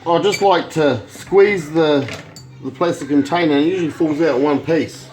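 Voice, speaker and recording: A man's voice: fairly high pitch, moderate pace, a little mellow. A man giving an informal, sweary home cooking demonstration as an amateur cook, sounding drunk. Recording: clear background noise, clicks.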